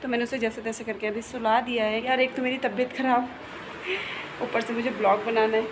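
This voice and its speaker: A woman's voice: fairly high pitch, flat delivery, fairly quick. A young woman talking casually through a home vlog, feeling unwell while pregnant. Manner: chatty, talks softly while child sleeps. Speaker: vlogger. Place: home, kitchen and bedroom. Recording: noisy home recording.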